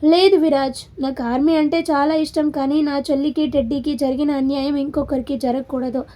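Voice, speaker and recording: A woman's voice: sits high, steady tone, moderate pace, mellow, natural voice. A woman reading the lines of a grieving soldier in a storybook tale. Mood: determined. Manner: grieving, then furious. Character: grieving soldier man, an older brother.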